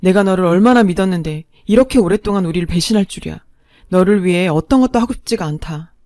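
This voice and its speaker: A woman's voice: fairly low pitch, fast talker, dark tone, dry recording, natural voice. A woman acts out a stern older father-in-law in a storybook story. He speaks coldly and with bitter reproach. The sound is dry.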